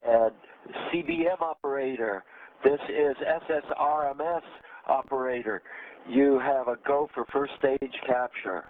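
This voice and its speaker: Male astronaut on a crackly radio comm loop, mid-pitched, terse callouts, phone-thin and dry. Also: measured pace, dry recording. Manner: clipped, matter-of-fact callouts. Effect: crackly space-to-ground radio loop. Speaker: astronaut operating the station's robotic arm. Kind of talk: terse radio procedure calls. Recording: narrow, dry radio downlink.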